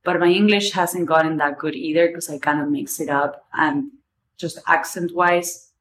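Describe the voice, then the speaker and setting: Her voice sits low and steady, a bit bright, at a moderate pace, with slight background noise. She's a twentysomething podcast host, a native Spanish speaker with an Argentinian accent, rambling candidly in a personal monologue and casually swearing.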